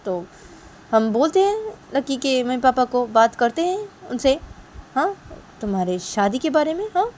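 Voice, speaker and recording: A woman's voice: high voice, very animated, unhurried, a little mellow, a little hiss or hum, voice pushed up. Woman as a coaxing middle-aged father.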